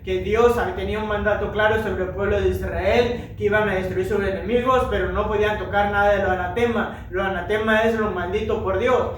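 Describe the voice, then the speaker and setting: High-pitched preacher guy, talking straight to the congregation, super echoey, far from the mic. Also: slight background noise. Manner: addresses listeners directly with rhetorical questions. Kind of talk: sermon.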